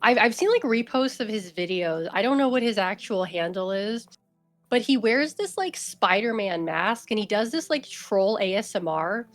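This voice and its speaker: A woman's voice: medium pitch, expressive, normal speed, soft background music. A woman talking casually as a guest on a stream. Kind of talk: casual chat.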